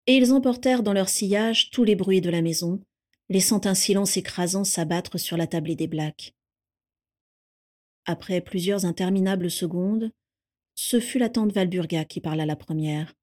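A woman reading a fan fiction story aloud in a steady, calm narrating voice. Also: on the low side, normal speed.

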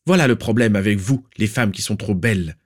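A man's voice: on the high side, animated, moderate pace, a little mellow, voice pushed up, natural voice. A man voicing a cold, implacable aristocratic aunt who accuses and scorns in an icy, unemotional tone. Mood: scornful.

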